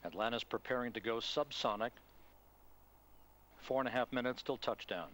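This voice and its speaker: A man giving measured, factual live commentary as a mission announcer, in telegraphic phrases. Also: medium pitch, a bit bright.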